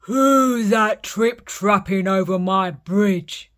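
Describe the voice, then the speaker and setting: A woman voicing a hungry, blustering male troll who roars his lines slowly and loudly. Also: medium pitch, lightly acted. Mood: roaring. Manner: roaring, slow and loud.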